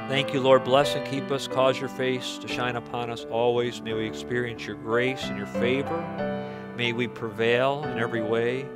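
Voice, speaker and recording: Earnest pastor at a pulpit microphone. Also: male voice, mid-range voice, fairly even intonation, moderate pace, loud music behind the voice. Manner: earnest, pleading, repeats words as he prays. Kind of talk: sermon and closing prayer. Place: church sanctuary.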